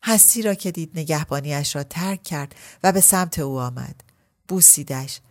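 A woman narrating a literary story as an audiobook, reading at a measured pace. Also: deep voice.

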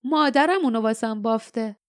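Woman doing a young male hero, heartfelt, eager, smooth, dry close sound. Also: fairly high pitch, no room sound, close to an everyday voice.

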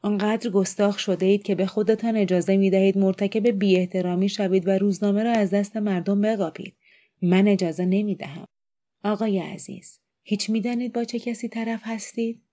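A woman's voice: mid-range voice, steady tone, warm tone, lightly acted. A woman voicing a pompous bespectacled bank director who protests in a formal, offended way, in an audiobook reading. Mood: indignant.

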